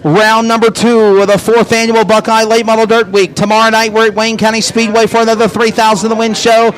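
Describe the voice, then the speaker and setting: High-pitched male hype race announcer. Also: level tone, poor audio. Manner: hype announcer delivery, rousing and drawn-out. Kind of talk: live dirt-track racing commentary. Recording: track noise behind the voice.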